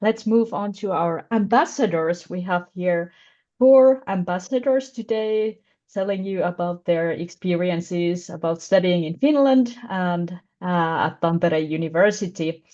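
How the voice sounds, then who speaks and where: A woman leading a student panel over a video call, brisk and organizing. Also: lowish voice, dark tone. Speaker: session moderator. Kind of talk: online info session hosting. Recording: dull video call audio.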